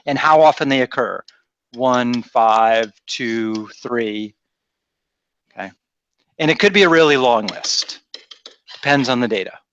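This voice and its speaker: A man's voice: medium pitch, a bit bright, no echo. Chatty male math teacher, dry sound. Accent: faint Rhode Island, mostly softened. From Rhode Island, USA. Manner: chatty, teasing, thinks aloud. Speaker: math instructor. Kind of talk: classroom lecture.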